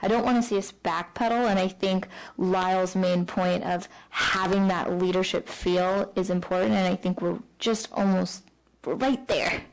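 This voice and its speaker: A woman's voice: lowish voice, fairly even intonation, moderate pace, rough recording. A woman on a city parks commission, steering a wording discussion toward agreement. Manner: pushes the group toward agreement. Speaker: commission member.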